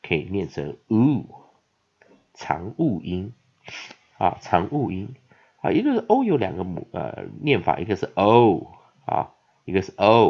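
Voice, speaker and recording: A man with a low, animated voice teaches pronunciation in a patient classroom manner. He drags out example words and says them again and again, with filler sounds between phrases. The recording is dull and lo-fi. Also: gravelly, slightly rough. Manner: lively, repeats words slowly, many filler "ah" sounds. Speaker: English teacher. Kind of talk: vocabulary pronunciation lesson. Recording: dull lo-fi audio.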